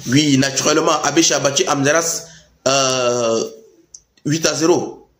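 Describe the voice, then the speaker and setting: A man's voice: mid-range voice, fairly even intonation, measured pace, fairly bright tone. A man gives impassioned, informal political commentary, emphatic and repeating phrases for stress. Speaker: political commentator addressing youth. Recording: echoey room.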